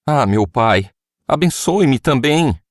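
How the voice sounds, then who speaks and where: A man's voice: on the low side, expressive, moderate pace, dry recording, studio quality, lightly acted. A man reading the voice of Esau, a grown son crying out in bitter, anguished pleading to his father.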